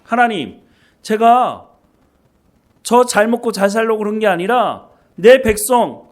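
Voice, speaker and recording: A man preaching who voices a despairing, bitter shepherd pleading with heaven, in an animated, lively voice. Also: on the high side, moderate pace. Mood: bitter complaint. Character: despairing middle-aged male shepherd, bitter and weary.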